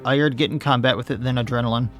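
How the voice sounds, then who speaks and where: A man's voice: medium pitch, fairly even intonation, quick pace, music in the background. A man, slightly losing his voice, commenting casually on his own gameplay and thinking aloud as he plays. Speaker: let's play host.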